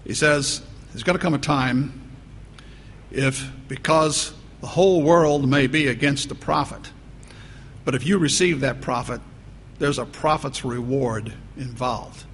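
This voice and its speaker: A man's voice: medium pitch, a little slow, a bit bright. A man preaching a sermon as pastor, talking conversationally and repeating phrases for emphasis. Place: church. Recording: long church reverb, faint noise.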